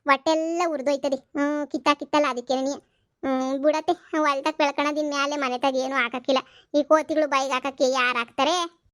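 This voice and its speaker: A woman voicing high-pitched fretful village wife Paddu. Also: steady tone, a bit bright, no room sound, clean studio sound. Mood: pleading. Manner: rustic village dialect, complaining, drawn-out sighs. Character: naive young village wife Paddu, fretting.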